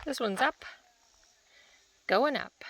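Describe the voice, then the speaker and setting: A woman's voice: high voice, animated, takes it slowly, a little hiss or hum, poor audio. A woman vlogger giving casual travel narration, musing aloud in short fragments as she hikes.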